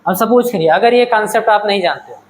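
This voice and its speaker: A man's voice: sits high, fast talker, slight background noise, poor audio. A man teaching a physics class in a classroom-lecture style, asking questions and checking that the students follow. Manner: questioning, checks understanding, calls students "beta".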